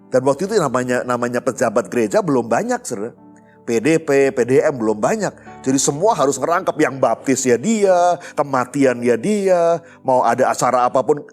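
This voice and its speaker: Pastor preaching, faint music behind. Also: male voice, on the high side, darkish tone. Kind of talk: sermon with personal story.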